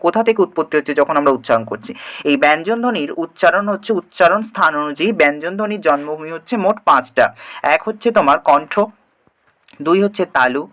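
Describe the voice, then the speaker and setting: A man with a fairly high voice teaches a grammar lesson at a quick pace. He keeps asking rhetorical questions and answers each one himself, then goes back over the key definitions. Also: fairly bright tone. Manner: repeats key definitions slowly. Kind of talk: grammar lesson for exam students.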